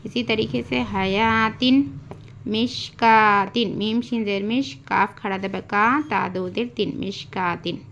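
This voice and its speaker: A woman with an Urdu accent teaching Quran reading, spelling out letters and vowel marks in a slow, drawn-out recitation lesson. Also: mid-range voice, fairly even intonation, gravelly, a bit bright. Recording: dull lo-fi home recording, faint hiss.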